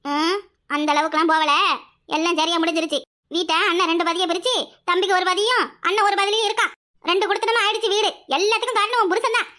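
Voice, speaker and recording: A woman doing a squeaky scolding village mother. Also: fairly even intonation, sharp tone. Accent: Kanyakumari Tamil. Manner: scolding, rapid questions.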